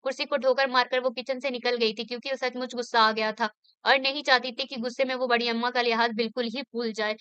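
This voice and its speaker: Female audiobook narrator, clear and slightly high, steady delivery, dry sound. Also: quick pace, dry recording, muffled recording. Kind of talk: reading a novel aloud.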